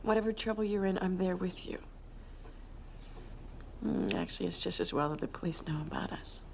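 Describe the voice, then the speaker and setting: An actress playing a coolly manipulative, seductive lover in a television crime drama, her voice sometimes breathy. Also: fairly low pitch, fairly quick, a little hiss or hum. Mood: tender.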